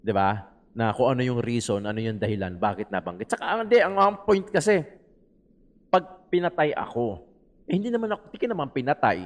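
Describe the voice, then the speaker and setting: A man's voice: medium pitch, sing-song, brisk. A man with a Filipino accent giving casual political commentary, rambling and switching between Tagalog and English, often asking "di ba?". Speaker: political vlogger.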